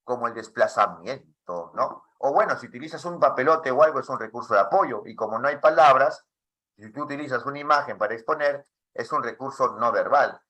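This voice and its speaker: A man teaching a class for teachers, asking many questions in a lively way. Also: medium pitch, brisk. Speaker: teacher trainer.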